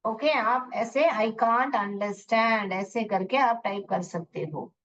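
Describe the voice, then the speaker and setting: Indian lady teacher, slow patient phonics lesson, bit far off mic, muffled sound. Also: a little high. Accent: Indian English. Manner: patient, repeats and checks understanding. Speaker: English teacher. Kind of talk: online phonics class in Hindi and English.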